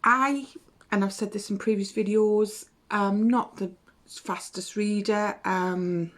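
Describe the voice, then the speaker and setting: A woman's voice: mid-range voice, steady tone, slow pace. A woman chatting casually to camera about books she has read, rambling and correcting herself. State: has a cough. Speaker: booktube vlogger. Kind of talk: casual book chat to camera.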